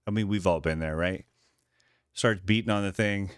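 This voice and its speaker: A man's voice: deep voice, moderate pace, smooth, no room sound, studio quality. A man who composes film music, casually talking through the story of a short film and voicing the character's thoughts in playful quotes. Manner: narrates the woman's thoughts in playful quoted voices, laughing often. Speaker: composer breaking down his film score.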